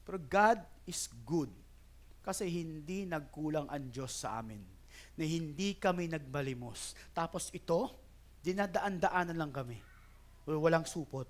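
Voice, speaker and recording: A middle-aged Filipino man preaching a sermon in animated Taglish, telling a personal story that grows more excited. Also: on the high side, a little slow. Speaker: pastor.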